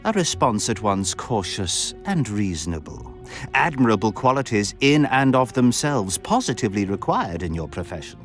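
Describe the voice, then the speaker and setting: In this video game cutscene, a flamboyant, swooping nobleman speaks at a moderate pace in a lowish voice with big pitch swings, sounding courtly and probing. The count is verbose, refined, lecherous, and sardonic, and his theatrical delivery is florid and pompous, with music behind him.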